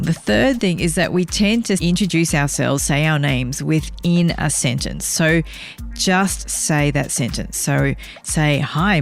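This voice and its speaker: A woman hosting a podcast, giving speaking tips in a clear, measured, coaching tone. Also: low-pitched. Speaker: podcast host.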